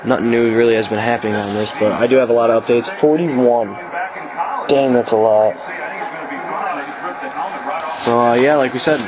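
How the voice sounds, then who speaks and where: A man's voice: medium pitch, rough recording. A man talking casually to his viewers in a home vlog, upbeat and chatty, calling them guys. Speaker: vlogger. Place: family home on a holiday.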